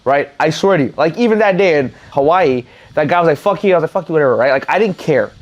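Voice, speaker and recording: A man's voice: fairly high pitch, fast talker, lo-fi sound. Blunt, profane man telling stories. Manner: blunt, profane, animated storyteller. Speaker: podcast co-host. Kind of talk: casual chat, storytelling.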